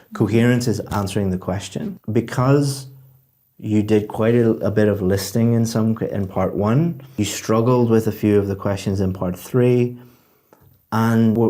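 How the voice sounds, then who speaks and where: A man's voice: on the low side, warm tone. A man giving spoken feedback on a speaking test, explaining scores in an encouraging way with frequent restarts.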